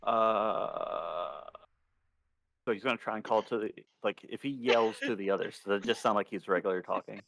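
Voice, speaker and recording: Low-voiced man playing a tabletop game. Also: moderate pace, gravelly, fairly bright tone, a little hiss or hum. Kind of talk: casual chat, describing his character's actions.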